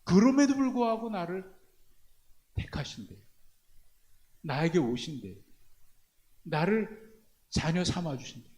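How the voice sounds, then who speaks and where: A male pastor preaching a sermon, asking his congregation rhetorical questions and swinging from hushed low phrases to loud emphatic ones. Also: expressive, a little slow, pauses often. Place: church prayer meeting.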